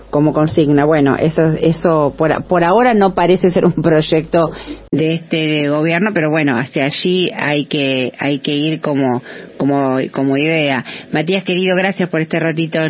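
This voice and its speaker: A woman hosting a live radio program, brisk and upbeat. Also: deep voice. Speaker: radio host. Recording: dull radio sound with faint music.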